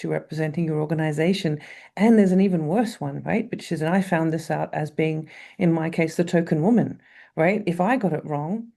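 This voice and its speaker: A woman's voice: sits low, vocal fry, warm tone. A woman panelist on a video call, speaking candidly with wry humor about responsibility in communicating science.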